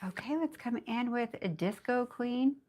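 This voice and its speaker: A woman with a raspy voice, under the weather, teaching nail art in a bubbly, chatty live tutorial. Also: fairly high pitch, animated, normal speed, a little mellow. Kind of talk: casual live tutorial chat.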